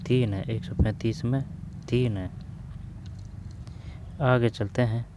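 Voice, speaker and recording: A man teaching an exam-prep grammar lesson, repeating terms slowly and often calling his viewers "brother". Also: mid-range voice, fairly even intonation, noisy background. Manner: repetitive, drawn-out explaining, addresses viewers as bhai.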